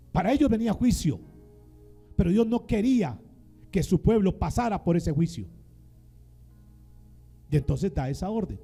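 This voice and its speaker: A man's voice: high voice, dark tone, breathy edge. A male pastor preaching a sermon in a dramatic style, calling on the congregation to repeat his words back to him. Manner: dramatic call-and-response preaching.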